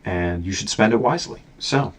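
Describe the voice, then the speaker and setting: Deep-voiced young man rambling earnestly. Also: expressive, moderate pace. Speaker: YouTuber. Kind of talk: casual rambling vlog talk.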